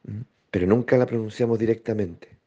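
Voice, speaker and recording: A man giving a slow, reflective spiritual talk, pausing often and checking in with his listeners. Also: lowish voice, mellow. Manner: slow, thoughtful, with pauses and rhetorical checks. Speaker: spiritual teacher. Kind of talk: reflective spoken teaching. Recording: dull lo-fi recording.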